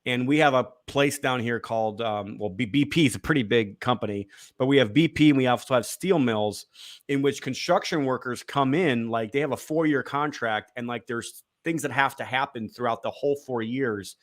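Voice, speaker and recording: A man's voice: mid-range voice, normal speed. A man as an interview guest, rambling casually with many fillers and restarts.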